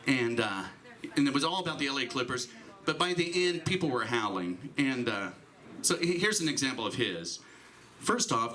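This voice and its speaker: A man's voice: a little high, pushed and bright. A man, a comedian on a comedy club stage, giving a rambling, self-deprecating stand-up tribute through a handheld mic.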